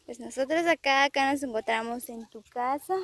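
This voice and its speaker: A woman with a Guatemalan Spanish accent vlogs casually and asks questions in a rural hillside yard, recording on a handheld phone from behind the camera. Her voice is high and fairly bright, at a moderate pace. The outdoor phone audio is noisy.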